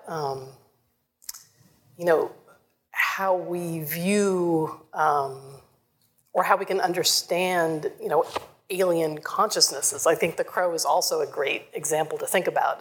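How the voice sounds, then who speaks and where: A woman's voice: on the low side, unhurried, a bit bright. A woman in casual, thoughtful conversation, hesitant and peppering her talk with small asides. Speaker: panelist.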